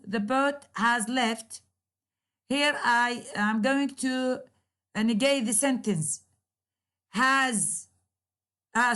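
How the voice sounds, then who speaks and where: A woman with a somewhat high voice lectures on grammar at a university. She pauses often on fillers and slows down to repeat her examples. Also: fairly bright tone. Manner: hesitant, many fillers, repeats examples slowly.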